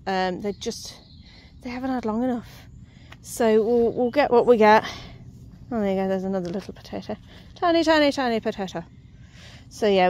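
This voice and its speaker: Chatty and quick to laugh at herself, a woman gives a casual tour of her allotment garden in a slightly high, slightly mellow voice. The clip is filmed outdoors on a handheld phone with her off-screen, picking up slight background noise and faint outdoor ambience.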